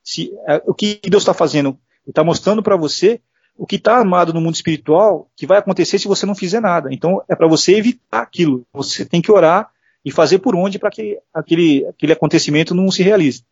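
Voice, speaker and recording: Interview guest: middle-aged Brazilian man, quick earnest storyteller, slightly high voice, dull dry lo-fi sound. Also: a little mellow, slightly rough, no room sound. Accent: Brazilian Portuguese. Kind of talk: casual interview testimony.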